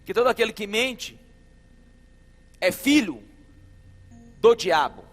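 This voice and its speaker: A man's voice: high voice, expressive, slow, big-room sound. A man with a Brazilian Portuguese accent preaching a sermon as pastor, emphatic and repetitive, talking straight to the congregation. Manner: emphatic preaching, repeating phrases, addressing listeners as brother. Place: church service hall.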